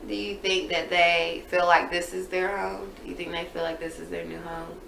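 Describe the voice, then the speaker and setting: A woman asks a steady run of casual, probing questions, teasing a little as she follows up. Her voice sits low with a gravelly edge. It echoes around a roomy space over a faint background hiss. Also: normal speed. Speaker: interviewer. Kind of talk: casual one-on-one interview.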